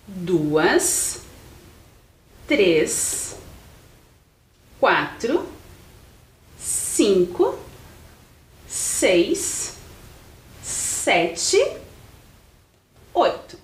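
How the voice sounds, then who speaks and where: A woman teacher with a Brazilian Portuguese accent giving a slow, clear literacy lesson to young children, spelling out letters and counting syllables with her pupils. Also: mid-range voice.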